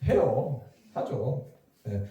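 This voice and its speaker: A middle-aged man preaching a revival sermon as pastor, lively and asking the congregation questions. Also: medium pitch, drawn-out words, very echoey, recorded from a distance, highs cut off. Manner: lively, talks to the crowd with questions. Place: church hall.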